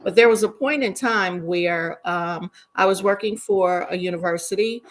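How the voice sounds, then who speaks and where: A woman's voice: medium pitch, normal speed, rough recording. A middle-aged woman educator speaking as a panelist, talking in a conversational way with frequent ums. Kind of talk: online panel talk.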